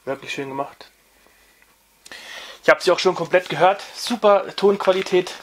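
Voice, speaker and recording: A man's voice: high-pitched, moderate pace, a bit bright. A young man hosting a casual record review, talking off camera with many fillers and restarts. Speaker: vinyl review channel host.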